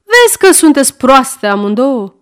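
A woman's voice: high voice, big pitch swings, clean tone, voice pushed up. A woman reading aloud and voicing a spoiled, rude little boy who whines and shrieks. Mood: smug. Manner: whiny, shrieking, insolent.

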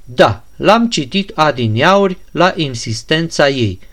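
An unflappable, courteous young prince voiced by a male reader, answering patiently and politely. His voice sits fairly high and stays even in an audiobook scene. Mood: calm. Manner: calm, courteous, even-toned.

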